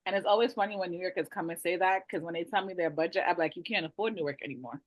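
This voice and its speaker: Speaking very fast in a lowish voice, a Jamaican-accented realtor joins a webinar panel by video call. There is no room sound, and her manner is blunt, lively and colloquial.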